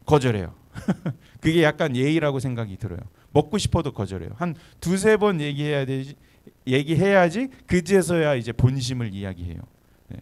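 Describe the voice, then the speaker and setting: A man from Chungcheong, Korea, preaching as a pastor to young adults in a church, talking conversationally with frequent quick affirmations. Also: mid-range voice. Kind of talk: sermon to a young adult congregation. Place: church hall.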